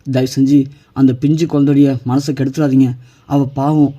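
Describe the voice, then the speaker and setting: A man's voice: mid-range voice, level tone, normal speed, dark tone, natural voice. A man reading a pleading young woman. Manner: begging, apologetic. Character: pleading grieving young mother figure.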